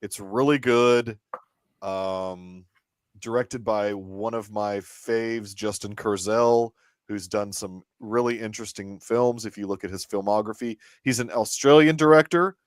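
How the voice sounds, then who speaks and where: A man's voice: fairly low pitch, a little slow, clean tone, no room sound. A man guesting on a movie podcast who jokes, laughs often and repeats himself in casual chat.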